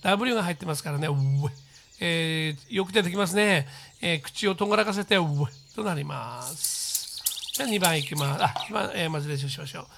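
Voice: mid-range voice, gravelly, a bit bright, slight background noise. Patient, hesitant English teacher drilling phrases. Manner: patient, repeats phrases slowly for drilling, with frequent hesitant fillers. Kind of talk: home-recorded English lesson with spoken drills.

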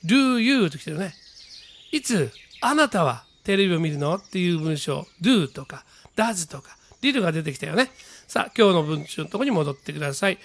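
A man teaching English pronunciation in a chatty lesson, saying example sentences slowly. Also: a little high, sing-song, gravelly, a bit bright. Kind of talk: casual spoken lesson.

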